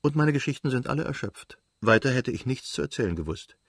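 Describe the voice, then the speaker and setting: A man voicing a graceful, lively young society lady who talks cheerfully and graciously in a literary audiobook. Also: medium pitch, fast, dry recording, clean studio sound, voice pushed up.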